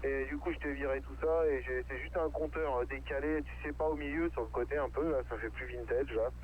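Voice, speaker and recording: A hobbyist radio operator chats casually over amateur radio, rambling in a colloquial way. His medium-pitched voice is steady and fairly quick, heard through a narrow, tinny radio link with faint noise.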